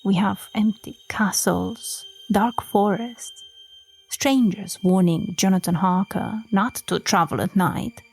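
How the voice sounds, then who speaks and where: A woman from Romania hosting a book-talk podcast, speaking softly and sometimes dropping to a whisper. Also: medium pitch, fairly even intonation, slow pace, gravelly, slightly rough, faint music behind. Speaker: podcast host.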